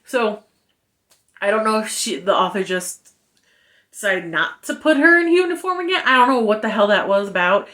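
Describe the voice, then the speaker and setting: A young adult woman giving a casual book review, retelling the story in an animated, chatty way full of fillers. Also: medium pitch, moderate pace.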